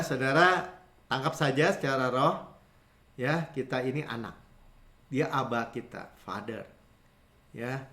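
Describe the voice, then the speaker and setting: A man in his fifties from Indonesia, a pastor giving a lively conversational sermon, telling stories and acting out the people he quotes. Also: medium pitch, reverberant. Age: 50s. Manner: animated storytelling, acting out quoted voices, frequent chuckles. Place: church sanctuary.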